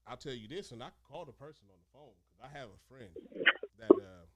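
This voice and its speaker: A man telling stories casually in animated, profane street slang, talking like a streetwise former inmate. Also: mid-range voice, fast talker, no room sound. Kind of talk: casual storytelling chat.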